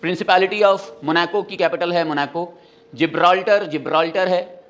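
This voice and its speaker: High-voiced male teacher listing capitals. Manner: lists countries and capitals in a quick, steady rhythm; mixes Hindi with English phrases. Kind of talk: classroom lesson.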